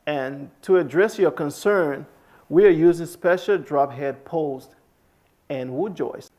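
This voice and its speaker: Actor doing a calm engineer, technical and even, normal pitch. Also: slow, close to an everyday voice. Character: engineer defending a building plan.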